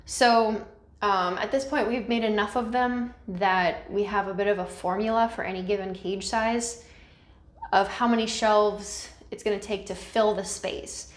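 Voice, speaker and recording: A woman's voice: mid-range voice, steady tone, moderate pace. A woman giving a casual, self-deprecating explainer as a vlog host, recorded in a small, echoey, mostly empty room. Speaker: host of a snake-keeping video channel.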